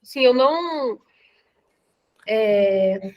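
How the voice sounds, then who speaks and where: Hesitant Brazilian woman, slightly high voice. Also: lively intonation, very slow, lo-fi sound. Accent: Brazilian Portuguese. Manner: hesitant, many fillers and restarts. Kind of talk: casual discussion in a lecture.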